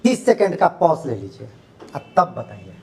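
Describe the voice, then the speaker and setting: High-pitched male classroom teacher. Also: moderate pace, gravelly. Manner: animated, rhetorical questions to students. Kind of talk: classroom lecture.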